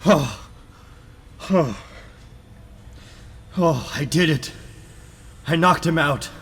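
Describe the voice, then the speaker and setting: Reading from a comic book, a man voices an earnest, determined young superhero who dramatically thinks aloud while narrating his own fight, sounding relieved and resolute. His fairly high voice is expressive and exaggerated, with drawn-out words. Loud music plays in the background, and there's a little hiss or hum.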